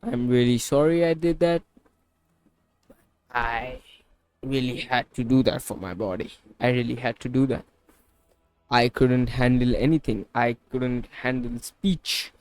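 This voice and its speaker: A man's voice: medium pitch, a little slow, long pauses, darkish tone, clear, resonant tone. A tired young man vents in a casual confessional vlog about feeling irritable and worn out, sweaty from the heat of his bedroom. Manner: frustrated, venting, repetitive. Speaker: vlogger documenting a fitness journey. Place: hot small bedroom.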